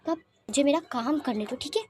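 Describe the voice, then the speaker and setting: A woman's voice: high voice, normal speed, darkish tone, pitched above the performer's own voice, close to an everyday voice. Woman voicing a moody, tearful young man. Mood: bickering. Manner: bickering, sobbing when hurt. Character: young man, moody and sensitive, quick to tears.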